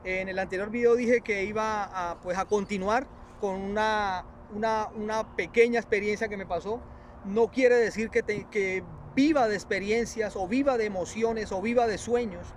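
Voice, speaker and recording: A preacher telling a religious testimony in a halting, repetitive way, often addressing his listeners as brothers. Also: high-pitched, steady tone, a little hiss or hum. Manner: earnest, repetitive, halting storytelling with many restarts.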